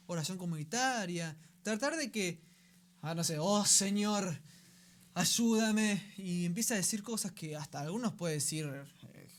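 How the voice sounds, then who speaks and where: A man with a Rioplatense Spanish accent hosts a radio program, delivering a conversational teaching talk and frequently checking in with his listeners. His voice sits high.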